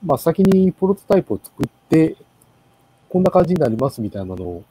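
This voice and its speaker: A man giving a casual presentation in an online meeting, with many pauses and fillers. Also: a little high, big pitch swings, dark tone, slightly rough, poor audio. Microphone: video call.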